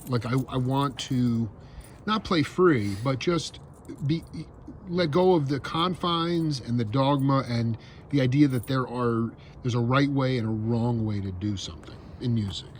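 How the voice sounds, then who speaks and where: A show host conducts a casual interview at a guest's house, asking eager, rambling questions full of restarts. His medium-pitched voice is a little slow, and there's a bit of hiss or hum.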